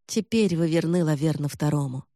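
A man's voice: fairly high pitch, fairly quick, no room sound, studio quality, natural voice. A man voicing a defiant young noblewoman. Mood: accusing. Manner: sharp, accusing questions.

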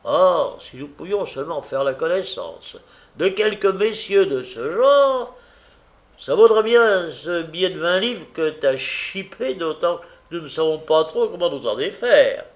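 A man reading an audiobook, voicing a boastful, swaggering young man with brash, loud outbursts. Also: a little high, sing-song, measured pace, creaky, voice pushed up, exaggerated voice. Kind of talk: audiobook character voice.

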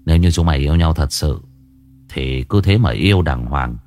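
A man's voice: rumbling low, expressive, moderate pace, a little mellow, voice pushed down. A man voicing a stern elder brother who scolds and gives orders.

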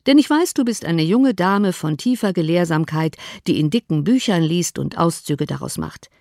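A woman voicing an ironic, unhurried older father in an audiobook, speaking in a measured, teasing way. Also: lowish voice, expressive, a little mellow, no room sound, studio quality. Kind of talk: audiobook character voice.

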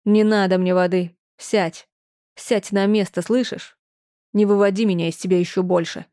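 A distraught mother in an audiobook, wailing reproaches and then snapping out short, hard commands, as a female reader puts her on. The tone stays mellow, not bright, even at its sharpest. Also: mid-range voice, normal speed, natural voice. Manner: lamenting, reproachful, clipped orders. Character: older mother, shrill, wailing, then stern.

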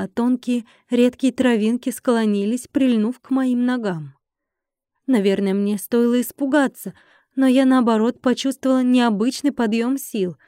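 A woman narrating a fantasy audiobook in first person with a lively, expressive delivery. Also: on the high side, no echo, clean studio sound.

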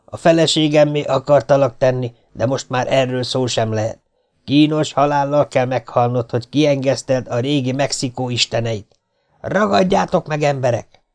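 A man voicing a menacing cult leader who speaks hoarsely in a commanding, threatening way. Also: medium pitch, pitched above the performer's own voice, natural voice. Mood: furious. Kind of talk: audiobook character voice.

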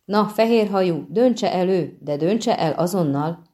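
A woman voicing a gruff, stubborn ship captain with a coarse, defiant manner, in an audiobook. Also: on the low side, lively intonation, warm tone, pitched above the performer's own voice, lightly acted. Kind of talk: audiobook reading.

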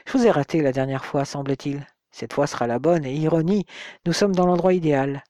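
A spiteful young man who drags out every taunt, as a male narrator voices him. The tone sits a little high, and the recording is close and completely dry. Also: fairly quick, warm tone, no echo, close to an everyday voice. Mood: sneering. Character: scheming young man, mocking and bitter.

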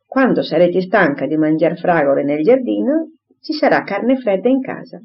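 A woman reading an audiobook, voicing a calm, dry, firm gentleman who speaks in a measured way, in a dull lo-fi recording. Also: lowish voice.

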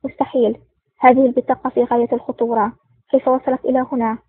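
A woman's voice: a little high, level tone, fast talker, slightly rough, dry recording. A woman voicing an indignant, frightened male spy boss in an audiobook, on a dry, tinny line. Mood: alarmed. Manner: indignant and alarmed. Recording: dry, tinny phone-like sound.

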